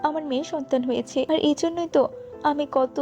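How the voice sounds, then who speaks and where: Woman doing a sweet poor young mom, high and pleading, soft-spoken, dull lo-fi sound w/ music. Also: steady tone, fast, close to an everyday voice. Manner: pleading, tearful. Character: poor young mother and maid, gentle and pleading. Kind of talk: cartoon voice acting.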